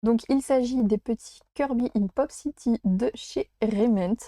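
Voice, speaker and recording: A woman's voice: on the high side, unhurried, mellow, dry recording, studio quality. Chatty French-speaking woman unboxing toys. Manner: chatty, hesitant with many fillers, laughs at herself. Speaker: unboxing vlogger. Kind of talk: casual unboxing chat.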